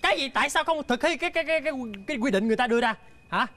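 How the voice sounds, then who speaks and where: A man's voice: extremely high pitch, sharp tone. An actor playing a bossy middle-aged father who lectures the neighbors in a scolding way. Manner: scolding, rapid-fire lecturing. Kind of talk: sitcom acting.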